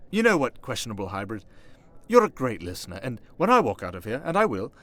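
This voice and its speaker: The ASMR scene has a man as a smooth, sarcastic vampire lord trading idle, self-admiring talk with a fellow captive. His mid-range voice is fairly bright, swings hugely in pitch, and keeps a normal speed, with a chatty feel.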